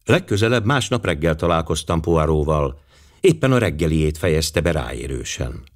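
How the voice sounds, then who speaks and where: A man narrating an audiobook in a calm, even storytelling manner. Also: extremely low pitch.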